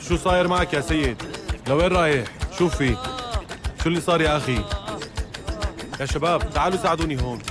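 A man plays a commanding Levantine police captain in a dubbed drama. He directs helpers fast and urgently in a slightly high voice, with loud music behind him. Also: close to an everyday voice. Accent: Levantine Arabic.

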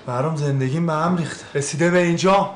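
An actor playing a vain, bitter former national team footballer who rants and takes offence easily. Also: male voice, fairly high pitch, noisy background, natural voice. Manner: boastful, quick to take offence, ranting. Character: vain washed-up ex-footballer, bitter and self-pitying. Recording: roomy echo.

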